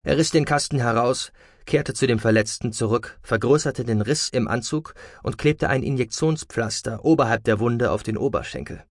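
A man reads a science fiction audiobook aloud in an expressive, storytelling style. His voice is medium in pitch and moves at a moderate pace through scripted narration. The studio recording is clean with no echo.

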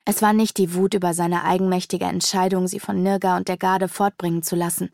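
A woman reads fantasy narration in a measured, expressive way, her voice carrying a steady gravelly texture. The recording is dry and close, with no room sound. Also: lowish voice, dry recording. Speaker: audiobook narrator.

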